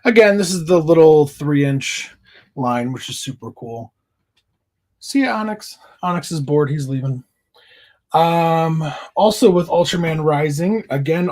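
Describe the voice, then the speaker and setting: A collector vlogger chats casually and enthusiastically through a haul video, using lots of fillers. His voice is a little high with a darkish tone.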